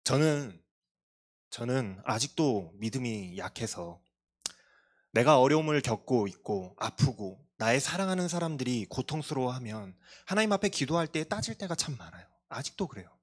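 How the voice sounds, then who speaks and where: A man's voice: mid-range voice, big pitch swings, moderate pace. A male pastor giving a sermon to a youth congregation, earnest and confessional, with self-deprecating asides. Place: church.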